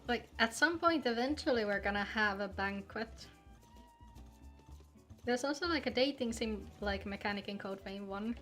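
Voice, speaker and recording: A woman streaming a game keeps up playful, joking banter in a rather high, fairly bright voice. Music plays behind her.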